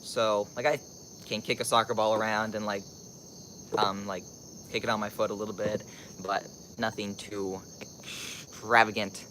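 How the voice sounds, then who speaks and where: A man's voice: fairly low pitch, flat delivery, a little slow, pushed and bright, slight background noise. A teenage young man from Costa Rica chats casually as a live-streaming vlogger, rambling and thinking aloud with lots of filler "like"s.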